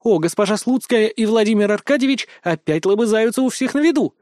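A man's voice: sits high, brisk, a little mellow, no echo, studio quality, voice pushed up, lightly acted. A man voicing a cunning young woman reporter who gossips with gleeful, mocking relish. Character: cunning gossip girl reporter, predatory glee.

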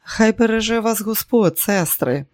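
A gentle middle-aged monk with a quiet, kindly voice, as a male narrator plays him. The tone sits a little high and calm. The reading is dry and close. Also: unhurried, no echo. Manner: quiet and kind.

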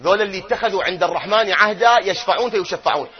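A man giving a religious lecture, who swings from loud chanting of verses to quiet asides and keeps asking his audience questions. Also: sits high, racing, muffled recording. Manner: asks his audience questions and answers them himself. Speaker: cleric lecturing on doctrine.

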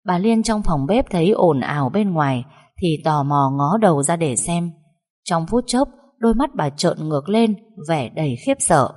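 Low-voiced woman narrating a story. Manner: calm, measured, emotive. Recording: long hall reverb.

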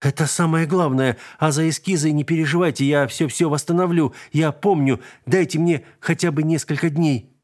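A man putting on a high, agitated young mother. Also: steady tone, normal speed, hardly any pauses, a little mellow, close to an everyday voice. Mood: anxious. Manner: raised, agitated voice. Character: frantic young mother, emotional and determined.

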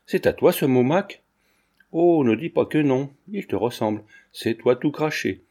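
A man playing a loud, teasing young woman. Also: fairly low pitch, flat delivery, a little slow, close to an everyday voice. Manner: exclaiming, teasing. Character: mocking young female student, loud and teasing. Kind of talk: audiobook character reading.

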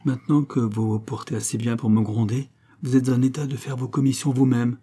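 A man's voice: mid-range voice, fairly even intonation, brisk, dark tone, breathy edge, lightly acted. A man reading as a devoted old servant. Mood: grumbling. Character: devoted old male servant, fretful and tender.

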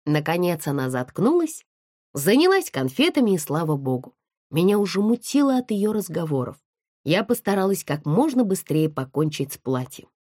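A woman reads a first-person novel aloud as an audiobook narrator. Her telling is wry and measured, and her pitch moves expressively. The sound is dry and close to the mic. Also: big pitch swings, warm tone, no echo.

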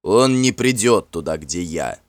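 A man's voice: sits low, expressive, a little slow, dry recording. Finn, a bold warrior chief, as a man voices him. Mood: vehement. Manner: forceful, ringing declarations. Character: proud, warm-hearted warrior chief, bold and commanding.

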